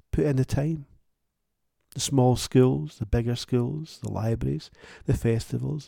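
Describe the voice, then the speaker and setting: With a warm, low tone edged by a little vocal fry, the writer reflects alone on his own show in a plain-spoken, thoughtful, wry monologue. The sound is close and dry, with no echo or room around it.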